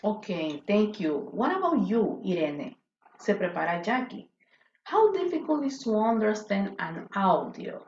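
A woman's voice: medium pitch, very animated, slow pace, darkish tone. A talkative woman teacher leads an online class. Her voice comes through a roomy, muffled connection with faint noise behind it. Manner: chatty, switches between English and Spanish. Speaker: English teacher. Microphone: video call. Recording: echoey, dull audio with faint noise.

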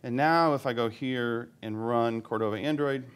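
A man giving a live conference talk, demoing software on stage, joking with the audience and talking himself through each step. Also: mid-range voice, normal speed, clean tone. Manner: joking, self-deprecating, thinks aloud while demoing. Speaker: conference speaker. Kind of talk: live tech talk demo.

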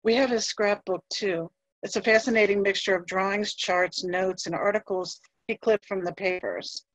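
A woman museum curator giving a scripted history presentation in a measured voice, with a few fillers as she reads from her notes. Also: mid-range voice, steady tone, no room sound, low-quality recording.

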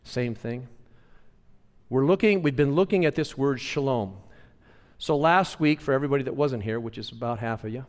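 A male pastor teaching a sermon, repeating phrases for emphasis and calling on the congregation, moving between hushed and loud lines. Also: mid-range voice, moderate pace. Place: church sanctuary. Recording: long reverb of a church hall.

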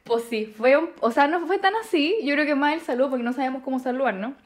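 Woman, Chilean accent, young adult, high voice, slangy, animated storytelling. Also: quick pace. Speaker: podcast guest. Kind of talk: casual chat.

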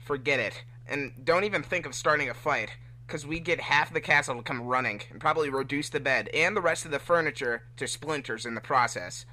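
Teasing young cartoon hedgehog hero, voiced by a man, amateur fan fiction read, forceful bright mid-pitched voice. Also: brisk, poor audio. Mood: smug. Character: cocky, teasing, laid-back male blue hedgehog hero.

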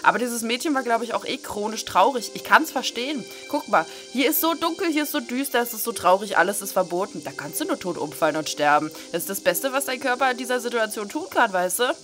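A woman's voice: on the high side, lively intonation, fast talker, few pauses, fairly bright tone, soft background music. A woman doing casual let's-play commentary, chatty, irreverent and joking.

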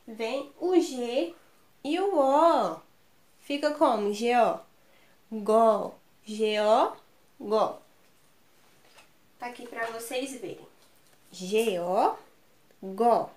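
A Brazilian woman teacher reading syllables aloud slowly and sweetly to small children in a remote lesson. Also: fairly high pitch, a little mellow. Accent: Brazilian Portuguese. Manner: slow, sing-song syllable reading aloud, affectionate. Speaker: kindergarten teacher. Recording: echoey room.

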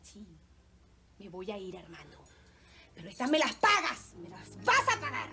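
An actress playing a defiant, sharp-tongued young woman in a telenovela. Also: on the high side, huge pitch swings, normal speed, vocal fry, loud music behind the voice, heavily acted. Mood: indignant, defiant. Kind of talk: telenovela acting.

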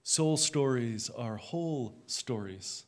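A man who is a minister, giving a sermon in a reflective, measured way, his voice dropping softly at the ends of phrases. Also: mid-range voice, expressive. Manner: slow, reflective, measured delivery.

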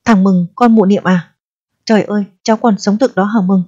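A woman playing a hoarse, kindly old village man. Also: mid-range voice, steady tone, moderate pace, warm tone, close to an everyday voice. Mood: astonished. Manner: mumbling, fussy old-man speech. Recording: slightly dull lo-fi recording.

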